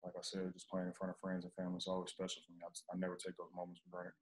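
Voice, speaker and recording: A young man, a basketball player, answering reporters' questions calmly after a game over a video call. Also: very fast, low-quality recording. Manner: low-key, even, steady delivery. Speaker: basketball player at postgame press conference. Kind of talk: postgame interview answers. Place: indoor press backdrop, remote video call.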